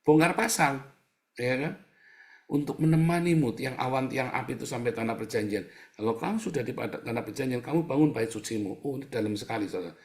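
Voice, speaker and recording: A man preaching a sermon, conversational, repeating phrases for emphasis and swinging between loud bursts and quiet asides to the congregation. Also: medium pitch, a little fast.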